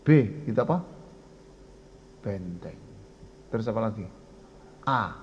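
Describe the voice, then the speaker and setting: An older man with a Javanese accent preaching a lively sermon, often addressing his listeners directly and acting out voices. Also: on the low side, slow pace, lo-fi sound, slight background noise. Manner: lively, addresses audience as "Pak", acts out voices.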